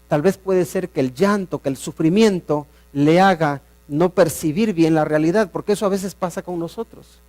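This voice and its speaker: A man preaching a sermon in a church service, explaining a passage and asking his listeners rhetorical questions. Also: a little high. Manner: explains Bible passages with rhetorical questions, swings loud and soft. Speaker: pastor.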